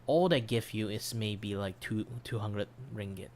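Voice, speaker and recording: A man's voice: lowish voice, measured pace, a little mellow, a little hiss or hum. A man chatting casually on a livestream in a rambling, self-deprecating way, his voice starting to give out. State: losing his voice. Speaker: streamer, commission artist. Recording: background music under voice. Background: background music.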